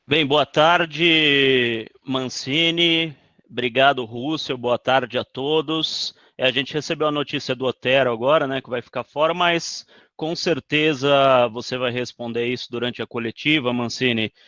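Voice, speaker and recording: A man's voice: mid-range voice, fairly even intonation, a little slow, pushed and bright, no room sound, lo-fi sound. A man, a radio sports reporter, laying out a long setup before his press conference question.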